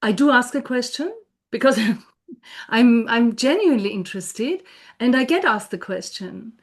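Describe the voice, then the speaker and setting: A woman's voice: fairly high pitch, lively intonation, unhurried. Austrian-accented woman asking questions. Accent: Austrian German. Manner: warm, inquisitive interviewer, laughs easily. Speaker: co-host. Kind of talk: casual conversation.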